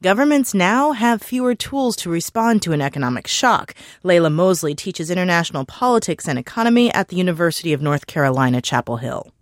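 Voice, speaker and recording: A woman's voice: lowish voice, animated, a little fast, hardly any pauses, dry recording, studio quality. A woman reading a scripted news report as a radio correspondent.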